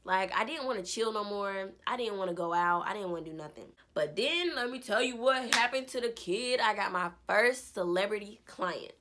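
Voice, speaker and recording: A young woman in her twenties casually telling an animated story about her life. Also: medium pitch, normal speed, hardly any pauses, a little hiss or hum. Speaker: vlogger. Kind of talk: story time vlog.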